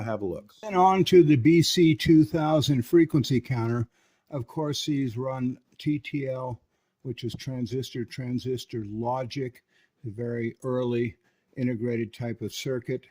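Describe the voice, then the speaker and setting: Demonstrating equipment without a script, this man, a radio restorer, walks through every step in a methodical way. His voice is mid-range with a darkish tone.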